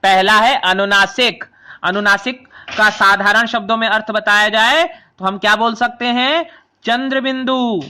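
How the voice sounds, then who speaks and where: A man's voice: high voice, fairly even intonation, a little slow, sharp tone. A man teaching a Hindi grammar lesson to children, explaining each term patiently and restating it in simpler words. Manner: explains patiently, repeating and rephrasing terms; addresses students as children. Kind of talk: classroom lesson explaining vowels.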